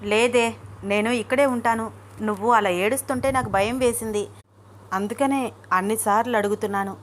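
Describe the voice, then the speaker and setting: A woman's voice: on the high side, steady tone, normal speed, a little hiss or hum, natural voice. A woman voicing a young husband who dotes on his wife and worries easily, in an eager, fussing tone. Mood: worried.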